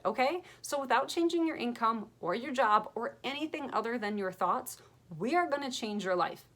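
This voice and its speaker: Woman, self-help coach, motivational talk to camera; lively, self-mocking, blunt, medium pitch. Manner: lively, laughs at herself, blunt asides.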